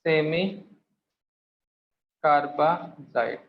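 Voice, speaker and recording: Male chemistry teacher, slightly high voice, quizzes the class; echoey room, dull lo-fi sound. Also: fairly even intonation, very slow. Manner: quizzes students, calls them beta. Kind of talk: classroom lecture. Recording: echoey room, muffled, faint hiss.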